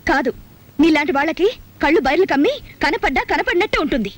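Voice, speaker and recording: An actress playing a sharp-tongued, hot-headed young unmarried woman who lectures and retorts fast. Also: high-pitched, lively intonation. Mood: scolding. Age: young adult. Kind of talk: Telugu film melodrama.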